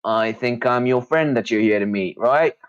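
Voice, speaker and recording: Man voicing a small chummy halfling fixer, raised pitch. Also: normal speed, clear, resonant tone, muffled recording, close to an everyday voice. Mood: breezy, matey. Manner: breezy, matey, conspiratorial.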